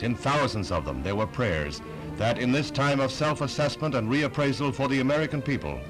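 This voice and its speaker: A man's voice: mid-range voice, rough recording. A man narrating a 1960s newsreel with a solemn, stately delivery.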